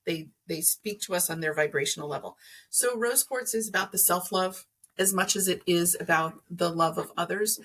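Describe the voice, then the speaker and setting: Her voice on the low side and fairly bright, a woman talks at normal speed as a podcast guest. She is an energy healer explaining crystals and chakras conversationally, rephrasing as she thinks. The audio quality is poor.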